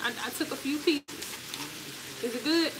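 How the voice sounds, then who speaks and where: A woman's voice: high voice, moderate pace. A woman co-hosting a home cooking vlog, chatting and teasing her partner in a casual way. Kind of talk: casual chat. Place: home kitchen with frying food. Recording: noticeable background noise.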